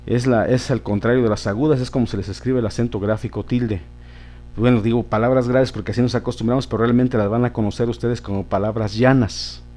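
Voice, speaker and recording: Man, teacher, grammar lesson, patient, repetitive, warm mellow voice, mid pitch. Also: fairly even intonation, a little fast. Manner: patient, repeats words and checks with "¿sí?".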